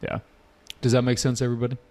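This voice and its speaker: A man's voice: mid-range voice, monotone, very fast, a little mellow. A man teaching an IELTS class live online, casual and often checking with his students. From United States. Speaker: IELTS tutor.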